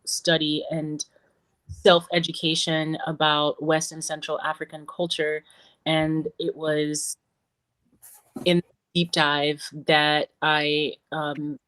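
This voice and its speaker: Give me a measured woman guest from Cameroon, even-toned and dry. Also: low voice, dry recording. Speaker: guest comic creator. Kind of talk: interview answers.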